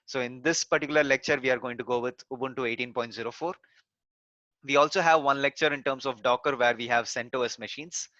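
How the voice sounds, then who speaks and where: A man's voice: mid-range voice, steady tone, fast, pushed and bright, no echo, dull audio. A man instructor walking through a screen-recorded technical tutorial step by step, with many "so" and "uh" fillers. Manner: explains step by step with frequent "so" and "uh" fillers. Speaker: course instructor.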